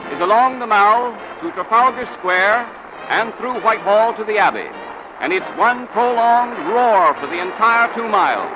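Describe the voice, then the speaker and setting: A man delivers old newsreel narration in a grand, declamatory manner. His voice sits high for a man. Loud music plays under the whole soundtrack. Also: highs cut off.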